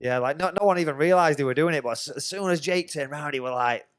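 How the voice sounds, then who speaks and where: Sweary bloke telling a story. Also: male voice, on the high side, quick pace, dry recording, studio quality. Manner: swears freely, animated anecdote telling. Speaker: podcast host. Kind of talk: casual chat, storytelling.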